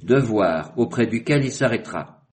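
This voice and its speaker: A man's voice: on the low side, animated, moderate pace, pitched above the performer's own voice, natural voice. A man doing Détemps, a proud defiant captain. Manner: loud, peremptory. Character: defiant male sea captain, proud and insistent.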